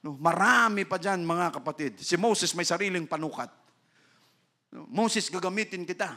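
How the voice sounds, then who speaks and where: A male pastor from the Philippines giving an animated sermon, switching between Tagalog and English, acting out voices and checking in with "No?". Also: high voice, normal speed.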